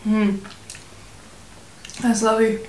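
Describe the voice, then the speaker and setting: A woman's voice: medium pitch, little pitch movement, slow pace, a little mellow, slight background noise. A woman reviewing craft beer in casual chat, chatty and giggly, often trailing off mid-sentence. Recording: echoey room.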